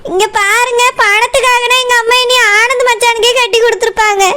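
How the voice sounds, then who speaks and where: A woman's voice: very high-pitched, steady tone, a little fast. A woman voicing a tearful young wife in a cartoon, with a Kanyakumari Tamil accent, crying and pleading. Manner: crying and pleading, defending her mother. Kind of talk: cartoon voice acting.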